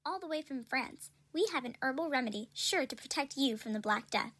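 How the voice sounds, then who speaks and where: A woman playing an upbeat, salesy pitchwoman in a parody pharmaceutical ad, persuasive and scripted. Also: lively intonation, fairly quick, fairly bright tone. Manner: salesy, persuasive announcer delivery. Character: upbeat 17th-century female drug-commercial pitchwoman selling cures.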